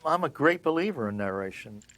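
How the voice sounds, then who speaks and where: An older male film producer telling animated interview anecdotes and acting out the dialogue. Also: medium pitch, brisk, slight background noise. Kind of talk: interview storytelling.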